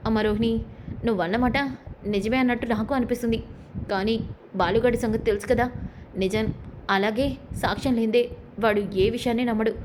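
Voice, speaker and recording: A woman's voice: on the high side, fairly even intonation, quick pace, pauses often, a little mellow, slight background noise, natural voice. Woman reading a bossy, scheming mother-in-law. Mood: accusing. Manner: accusing, bossy. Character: scheming, sharp-tongued middle-aged mother-in-law.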